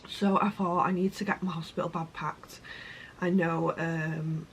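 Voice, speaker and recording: A woman's voice: low-pitched, fairly even intonation, a little slow, a little hiss or hum. A young British woman, heavily pregnant and out of breath, chatting casually and self-deprecatingly to her vlog viewers. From United Kingdom. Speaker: vlogger. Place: indoors at home, sitting on the floor.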